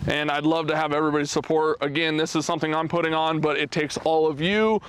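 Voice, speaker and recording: At an open, windy outdoor race track, a man in his thirties, an automotive vlogger and event organizer, hosts a casual promotional vlog, holding the camera at arm's length and talking energetically with his hands. His voice is smooth and a little high, with fairly even intonation and a quick pace.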